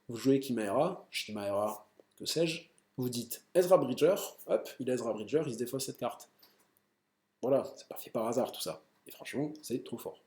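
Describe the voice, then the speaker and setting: A man casually explaining card game decks with enthusiasm, full of fillers and quick self-corrections. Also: mid-range voice, warm tone, roomy sound. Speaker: card game deck presenter.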